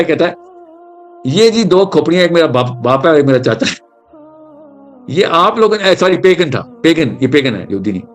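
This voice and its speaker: A man giving a religious talk, telling stories with energy and mixing English terms into his speech. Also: on the high side. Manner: animated storytelling, mixing English terms into Urdu. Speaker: Islamic speaker.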